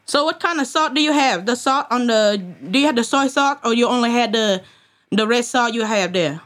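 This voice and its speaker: A fussy prank caller with a thick put-on accent, as a woman plays her, asks halting, repetitive questions over the phone. Her voice sits high and bright. She keeps circling back and pressing for answers. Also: lightly acted. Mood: pushy.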